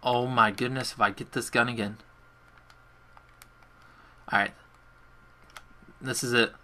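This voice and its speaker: A man's voice: mid-range voice, steady tone, takes it slowly, pushed and bright. A young man casually commenting on his gameplay during a livestream from his bedroom, chatty and self-deprecating as he talks to his viewers. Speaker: gaming livestreamer. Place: bedroom at home.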